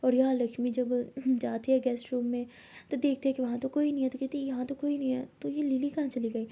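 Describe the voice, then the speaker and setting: Young woman casually telling a love story, husky, mellow dark tone, whispers bits. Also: high-pitched, level tone, quick pace. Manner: acts out both girls' lines in her own voice, often whispering softly.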